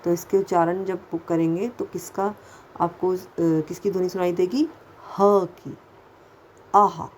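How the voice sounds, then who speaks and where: Woman, children's teacher, slow patient delivery, low-ish voice, repeats sounds, faint hiss behind. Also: steady tone, mellow, rough recording. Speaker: Hindi teacher. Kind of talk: first-grade Hindi lesson.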